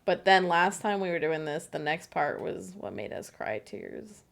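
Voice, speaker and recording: A woman's voice: fairly low pitch, very animated, measured pace, vocal fry. A woman streaming a game live, chatting bubbly and giggly with her co-op partner. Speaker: livestreamer. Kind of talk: casual gameplay chat.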